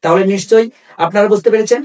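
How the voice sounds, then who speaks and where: A man teaching an English lesson. He asks questions and then answers them, and spells out English phrases slowly. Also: high voice, a little mellow, far from the mic.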